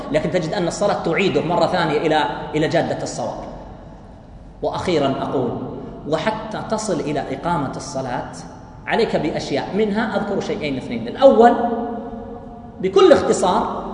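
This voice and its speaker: A man giving a lively religious lecture, asking his listeners rhetorical questions and chuckling between points. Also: sits high. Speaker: preacher. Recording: very echoey hall with faint hiss.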